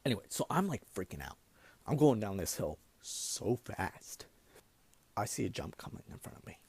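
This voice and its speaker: A young man telling a comic personal story in an animated way, now and then breaking into laughter. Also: lowish voice, moderate pace, gravelly, husky.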